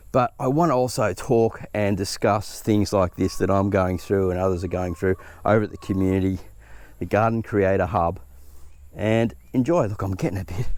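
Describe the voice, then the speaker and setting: Male garden vlogger, low mellow voice, relaxed upbeat chat, recorded outdoors. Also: no echo. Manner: chatty, easygoing, upbeat. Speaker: gardening channel host. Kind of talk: casual vlog chat. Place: outdoors in his vegetable garden.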